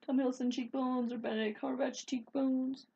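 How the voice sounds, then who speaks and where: A woman's voice: high-pitched, little pitch movement, fairly quick, creaky, warm tone, breathy edge, highs cut off. A young woman from Minnesota with a Minnesota accent, chatting casually in a vlog, giggly and rambling. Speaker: vlogger. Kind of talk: casual chat.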